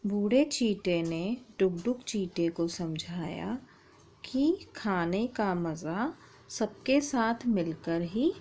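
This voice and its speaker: Woman, teacher, children's Hindi lesson, slow and patient, spells out each sound. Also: medium pitch, lively intonation, dark tone, slight background noise.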